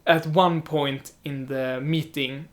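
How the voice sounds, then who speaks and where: A young adult man with a somewhat high voice co-hosts a podcast and studies film. Chatty and animated in this casual film discussion, he's quick to slip into imitating the way other people talk.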